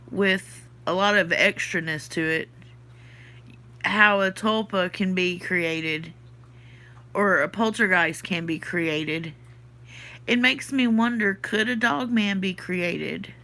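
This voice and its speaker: Speaking slowly and pausing often, this podcast host reads her live chat aloud and responds to comments in a relaxed livestream. She's a woman from the Southern US with a Southern accent, and her bright, forceful mid-range voice has a congested, sinus-stuffed quality.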